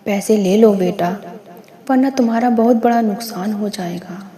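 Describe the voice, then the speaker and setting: A woman voicing a quiet, kindly father who speaks earnestly. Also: mid-range voice, moderate pace, natural voice.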